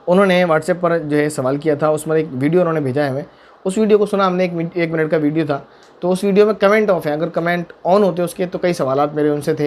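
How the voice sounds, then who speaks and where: A man serving as mufti talks through viewers' religious questions in quick, rushing speech. His voice sits a little high, and he drives points home with repetition and pointed rhetorical questions. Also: darkish tone. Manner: emphatic, repeats points, asks rhetorical questions. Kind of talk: religious Q&A talk.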